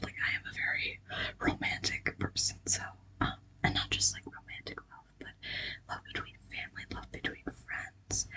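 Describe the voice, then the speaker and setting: The recording is low quality as an ASMR creator whispers a pep talk of affirmations and scripture. It's breathy, casual and halting, full of gentle reassurance.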